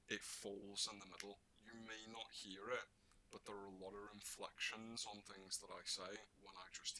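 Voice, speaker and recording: Bright-toned Scouse man, explaining calmly. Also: deep voice, a little hiss or hum, poor audio. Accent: Scouse (Liverpool). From Liverpool, England. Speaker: podcast co-host. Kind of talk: casual chat.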